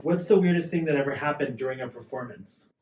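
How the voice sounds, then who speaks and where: A man's voice: medium pitch, fast, a little mellow. A man asking questions and chatting casually as an interviewer. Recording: echoey room, distant mic, faint noise.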